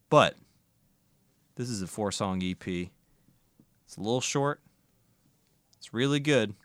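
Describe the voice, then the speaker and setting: A man's voice: on the low side, dry recording. A man hosting a casual music podcast, reviewing records in an enthusiastic, profane, rambling way.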